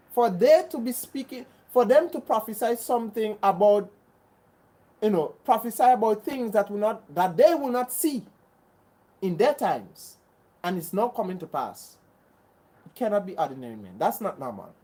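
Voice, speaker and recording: A livestream host from Grenada answers viewers in laid-back chat, his medium-pitched voice dark in tone and the audio poor. His delivery is earnest and preachy, full of insistent repetition and restarted phrases.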